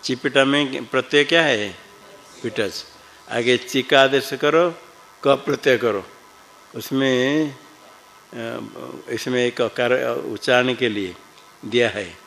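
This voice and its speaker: A man teaching Sanskrit grammar in a class, reciting rules slowly and patiently quizzing his students. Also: mid-range voice, creaky, fairly bright tone, low-quality recording.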